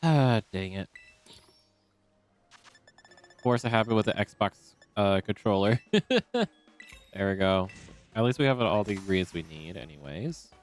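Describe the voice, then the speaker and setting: A young man in a relaxed, rambling style, commenting casually as he streams a game and talking to himself with many fillers. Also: fairly low pitch, a little slow, pauses often, faint music behind.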